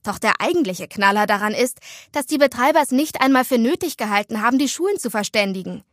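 A chatty, playful teenage schoolgirl with a fairly high, bright voice, as a woman puts her on. She tells her story with dramatic flair and loves to tease her best friend. The storybook reading is close and dry, with no room sound. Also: expressive, no room sound, natural voice. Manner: bubbly, quick, dramatic. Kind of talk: storybook dialogue.

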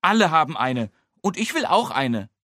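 A man voicing a small girl on her first school day, speaking slowly and insistently in a raised voice. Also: fairly high pitch, big pitch swings, a bit bright, no room sound, studio quality, pitched above the performer's own voice.

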